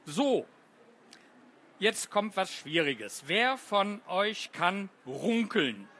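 A teacher reads playful rhymes to a group of children, drawing each line out very slowly. The voice swoops high and low in a sing-song way and stays bright and clear throughout. Questions to the listeners are mixed in between the verses. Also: sing-song. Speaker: teacher reading poems to children. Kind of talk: playful poem reading and quizzing.

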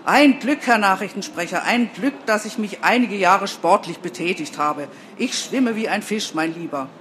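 A woman's voice: medium pitch, lively intonation, moderate pace, fairly bright tone, a little hiss or hum, close to an everyday voice. A woman voicing a proud, cheeky rural man who has lost his home in a flood and complains and boasts. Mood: boastful.

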